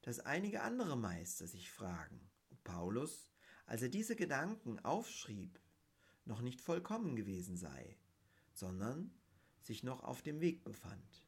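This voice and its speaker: A man giving a reflective spiritual talk on mysticism, speaking in a measured, deliberate way and reading quotations aloud. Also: mid-range voice, very animated, creaky, breathy edge. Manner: measured and deliberate, stressing key words.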